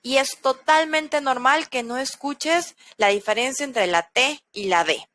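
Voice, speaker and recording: Female language teacher, slow and careful delivery, dry close sound. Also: high voice, fairly bright tone, no echo. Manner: slow, repeating each word example for learners. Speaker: English teacher. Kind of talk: language lesson.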